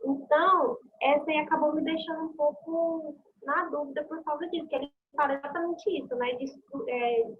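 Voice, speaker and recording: A woman's voice: sits high, fairly even intonation, moderate pace. A woman student asking her teacher a question on a video call, hesitant and searching for words. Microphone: computer or phone mic on a video call. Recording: thin phone-like call audio with faint hiss.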